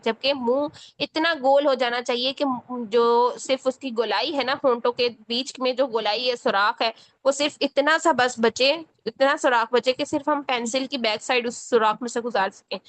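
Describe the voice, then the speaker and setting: A woman with a Pakistani Urdu accent who teaches Quran recitation, explaining patiently and repeating each syllable slowly. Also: on the high side, no echo. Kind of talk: spoken tutorial lesson.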